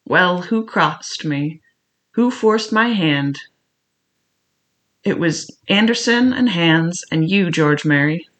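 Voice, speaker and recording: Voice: mid-range voice, lively intonation, takes it slowly, a bit bright. A reader voicing a cunning old male pirate cook who mocks his crew in a sly, silky way. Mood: sly scornful. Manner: wheedling, mocking, sly. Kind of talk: audiobook character reading.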